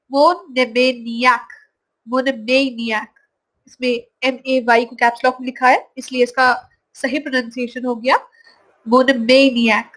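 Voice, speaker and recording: A woman teaching English vocabulary from slides, saying each word slowly and repeating it. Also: sits high, fairly bright tone, rough recording. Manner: slow, drawn-out pronunciation of each word, repeated. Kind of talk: slide-based vocabulary lesson.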